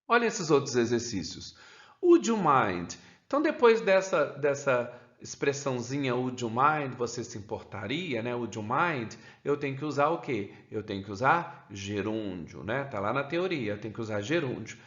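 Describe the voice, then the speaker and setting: A man with a Brazilian Portuguese accent teaches an English grammar lesson, keeps adding "né?" and says the English examples slowly. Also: mid-range voice, big pitch swings, a bit bright. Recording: roomy, dull lo-fi sound.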